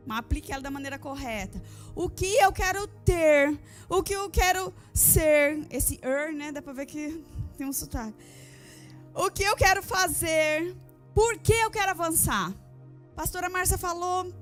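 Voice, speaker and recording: A woman's voice: high voice, fairly bright tone. A woman pastor preaching a sermon to a church congregation, driving her points home with repeated phrases and rhetorical questions. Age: adult with a daughter. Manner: addresses the women of the congregation directly. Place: church service.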